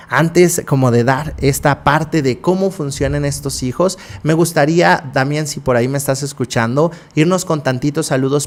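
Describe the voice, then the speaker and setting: Emphatic man, higher-pitched psychologist host. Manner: emphatic, asks and answers rhetorical questions. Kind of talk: passionate podcast talk.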